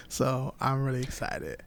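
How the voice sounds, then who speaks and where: A young man co-hosting a podcast, talking casually and haltingly with frequent restarts and laughs. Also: medium pitch, gravelly, fairly bright tone, slight background noise. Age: young adult. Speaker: podcast co-host. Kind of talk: casual chat.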